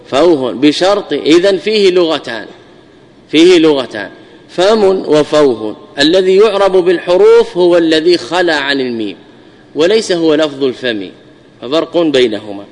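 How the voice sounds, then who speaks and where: A man's voice: fairly high pitch, expressive, normal speed, darkish tone, long reverb tail. A man giving a classical grammar lesson, often repeating key words and answering his own questions. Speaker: Islamic scholar teaching Arabic grammar.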